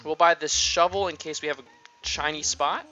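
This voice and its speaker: A man's voice: a little high, fairly even intonation, normal speed, bright, forceful tone. A man giving casual, chatty gameplay commentary, thinking aloud. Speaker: gaming video creator. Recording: slightly muffled lo-fi recording.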